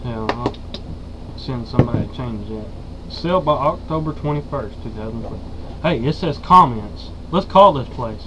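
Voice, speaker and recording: A man's voice: mid-range voice, lively intonation, moderate pace. An eighteen-year-old man with a Southern US accent, chatting casually as he reviews products. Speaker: dip reviewer. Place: small room indoors. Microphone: webcam or computer mic at arm's length. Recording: muffled, noisy webcam audio.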